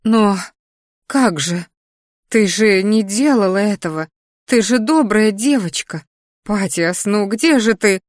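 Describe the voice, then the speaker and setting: A woman's voice: mid-range voice, expressive, slow, dry recording, clean studio sound, pitched above the performer's own voice. A woman voicing an anxious, doting middle-aged noble mother who speaks in a fretful, fussing way.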